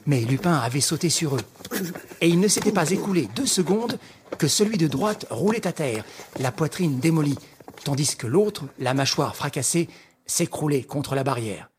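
A man narrating a classic novel aloud in a slow, measured, dramatic reading. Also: on the high side, expressive, slight background noise.

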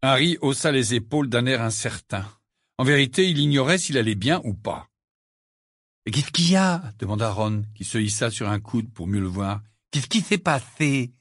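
A man reading a story aloud in an expressive storytelling manner. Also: lowish voice, slightly rough, no echo, clean studio sound. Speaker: narrator. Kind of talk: audiobook reading.

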